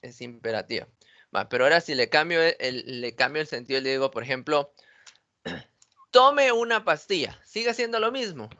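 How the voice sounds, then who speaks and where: A man's voice: medium pitch, animated, moderate pace, sharp tone, lo-fi sound. A man teaching an online logic class, who asks his students questions and then answers them himself.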